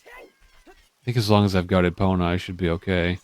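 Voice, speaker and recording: A man's voice: low-pitched, moderate pace, a little mellow. A man hosting a gaming video with informal, joking, casual gameplay commentary.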